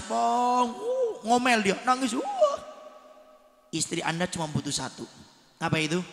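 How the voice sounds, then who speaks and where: A male preacher giving a sermon to husbands, swinging from soft counsel to loud emphatic bursts. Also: fairly high pitch. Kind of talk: village sermon to married men. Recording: echoey hall with long reverb.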